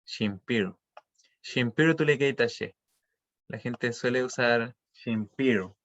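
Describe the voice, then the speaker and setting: A man's voice: medium pitch, takes it slowly, fairly bright tone, lo-fi sound. A man teaching an online language class, explaining patiently and checking often that students follow.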